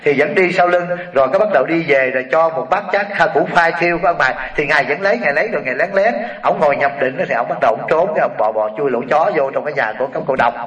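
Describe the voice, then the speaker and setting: A man with a Southern Vietnamese accent telling a Buddhist story as a sermon, animated and addressing the audience directly. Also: on the high side, racing, few pauses. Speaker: Buddhist preacher. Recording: roomy hall, distant mic, dull sound.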